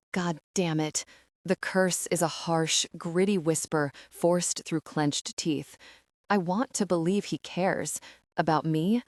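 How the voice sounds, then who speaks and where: A woman with a lowish voice reads a first-person audiobook. Her delivery is intimate and emotional, with soft dips. The close studio recording is dry, with almost no room sound. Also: dry recording. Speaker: audiobook narrator.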